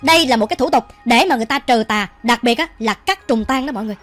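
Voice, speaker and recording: A woman with a Southern Vietnamese accent tells a ghost story at a racing pace. Her voice is high and chatty, and she keeps speaking to her listeners directly. Soft music plays faintly behind her. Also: racing. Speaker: storytelling channel host. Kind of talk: ghost story narration while cooking.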